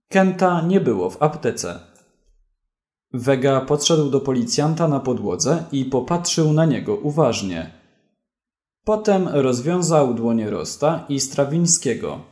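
Slow, deliberate male story narrator. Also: medium pitch, big pitch swings, mellow, echoey room. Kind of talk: slow audiobook reading.

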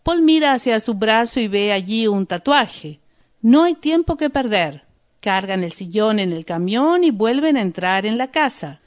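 Slow-reading woman narrator for learners. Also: on the high side, expressive. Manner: slow, deliberate, clear. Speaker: story narrator and language teacher.

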